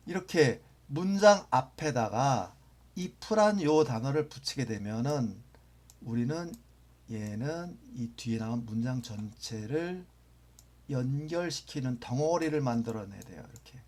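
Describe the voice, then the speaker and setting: A man's voice: mid-range voice, darkish tone, breathy edge. A man teaching English grammar in a lecture, patiently repeating phrases and sometimes dropping almost to a whisper for example sentences.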